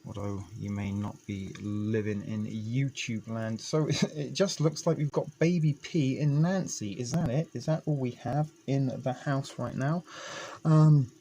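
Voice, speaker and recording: A man's voice: medium pitch, steady tone, unhurried, mellow, slightly rough. A man hosting a live stream, chatting casually in a hesitant, rambling way. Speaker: host of a live online show.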